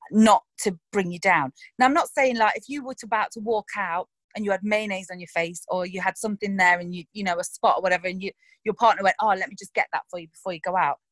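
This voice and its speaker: An actress talks about her roles in a casual interview, speaking frankly and animatedly, swearing freely and laughing often. Her voice is mid-range, and the recording is dry.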